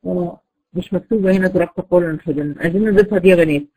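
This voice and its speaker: A woman's voice: lowish voice, very fast, dark tone, poor audio. Egyptian woman teaching recitation rules. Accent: Egyptian Arabic. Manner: explains step by step, often checks understanding. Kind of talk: online recitation-rules class.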